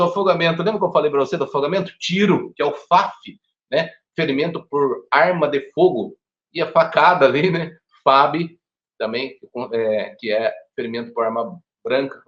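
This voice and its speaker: A man with a Brazilian Portuguese accent giving a first aid lecture to teachers, animated and chatty, often checking that his listeners follow. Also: medium pitch. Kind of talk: online teacher training lecture. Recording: echoey room, dull lo-fi sound.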